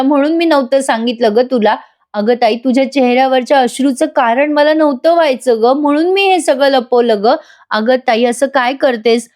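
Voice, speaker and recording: A woman's voice: sits high, lightly acted. A woman voicing a remorseful young woman who tearfully begs her older sister to speak to her.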